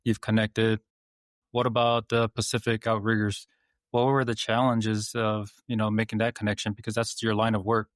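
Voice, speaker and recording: A man hosting a casual interview, asking calm, unhurried questions. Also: on the low side, no echo, studio quality. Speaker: host.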